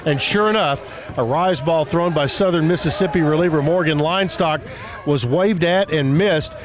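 Higher-pitched male sports radio announcer over music. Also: moderate pace. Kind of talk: scripted sports news report on local radio.

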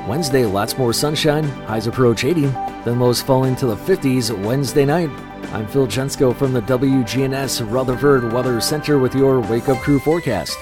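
A man's voice: medium pitch, moderate pace. Clipped male weather announcer over music. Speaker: weather forecaster. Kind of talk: scripted radio weather forecast. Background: music bed.

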